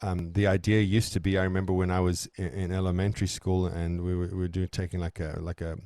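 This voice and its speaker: A man from South Africa co-hosts a relaxed discussion in a very low, warm voice. He talks things through thoughtfully, often restarting phrases. The sound is dry and close. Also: fast, smooth, no room sound. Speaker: podcast co-host. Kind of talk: conversational discussion.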